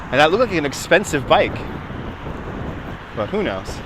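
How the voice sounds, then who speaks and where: The background is noisy as this New York livestream host strolls outdoors along the waterfront, casually answering viewers with quick laughs. His highish voice swings widely in pitch. He's recording on a phone held on a gimbal.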